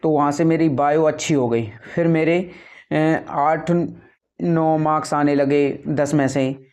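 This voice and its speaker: A man's voice: fairly high pitch, fairly even intonation, slow, darkish tone. A young man giving earnest, repetitive advice to viewers about preparing for an exam, speaking casually to the camera. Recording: dull lo-fi sound.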